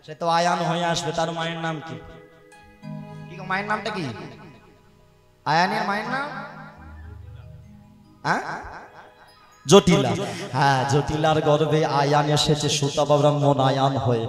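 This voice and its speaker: A man's voice: on the high side, fairly even intonation, moderate pace, pauses often. A man performing devotional kirtan, telling a story with drama and singing between the lines. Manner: dramatic, acts out the characters. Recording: echoey hall with music.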